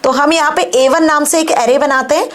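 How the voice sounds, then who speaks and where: High-pitched female tutor; patient step-by-step lecturer who code-switches freely and keeps asking "understood?". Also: fairly even intonation, moderate pace. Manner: explains step by step, checking understanding with repeated "okay?" and "understood?"; switches between Hindi and English mid-sentence. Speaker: computer science teacher. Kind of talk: classroom-style tutorial lecture.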